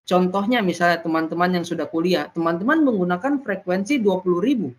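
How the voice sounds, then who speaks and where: Using a mid-range voice, a presenter lectures peers in an educational setting, moving point by point and filling pauses with "nah" again and again.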